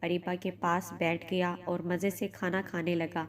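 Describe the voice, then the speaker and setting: Calm woman storyteller. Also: lowish voice. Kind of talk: narrated moral story.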